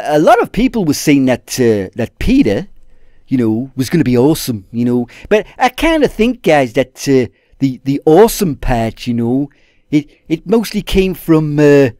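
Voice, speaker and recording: A man's voice: a little high, a little mellow, no echo, studio quality. A man giving a casual spoken review to his viewers. He hesitates and restarts often and calls them "guys". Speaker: TV episode reviewer. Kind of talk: casual video review monologue.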